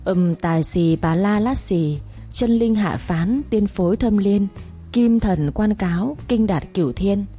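A woman voicing a male Taoist priest who chants an exorcism slowly and solemnly. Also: mid-range voice, lively intonation, dark tone, soft background music, lightly acted. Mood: chanting. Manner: slow incantatory chanting.

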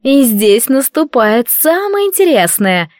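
A woman's voice: medium pitch, expressive, moderate pace, no room sound, studio quality, lightly acted. A woman voicing a spiteful, jealous young maid who talks in a venomous, mocking hiss. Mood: gloating.

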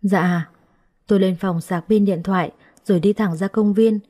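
A woman narrating a first-person story in a gentle, tender way. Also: mid-range voice, fairly even intonation, brisk.

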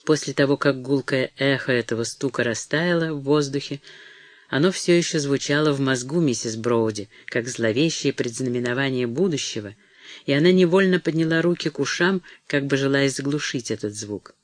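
A man reading a novel aloud in a measured narrating voice. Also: medium pitch, dry recording. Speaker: audiobook reader. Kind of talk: scripted narration.

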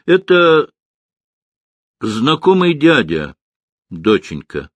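A composed former army doctor and mother, voiced by a male audiobook reader. She speaks in a restrained, matter-of-fact way, with lively pitch movement. The sound is close and dry. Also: very slow, dry recording, heavily acted.

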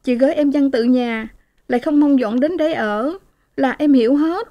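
A woman's voice: moderate pace, muffled recording. A woman reading as a tearful, anxious young wife. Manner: pleading, tearful voice raised high.

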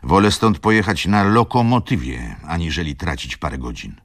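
A man voicing a proud middle-aged merchant in a radio reading, cold and measured. the voice sits very low with a gravelly, creaky grain, and the sound is dry and close to the mic. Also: fairly bright tone, no room sound. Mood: firm. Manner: measured, hollow, clipped.

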